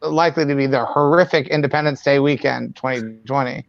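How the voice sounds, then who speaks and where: A man doing casual improvised comedy, halting and repeating phrases as he builds the bit. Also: mid-range voice, vocal fry, no echo. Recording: dull, dry lo-fi audio.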